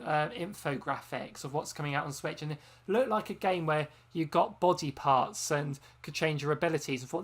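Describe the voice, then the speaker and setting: Streamer host, loose rambling chat, lots of ums, tired from a long live stream. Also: medium pitch. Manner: rambling, chatty, frequent ums and self-corrections. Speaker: game channel host.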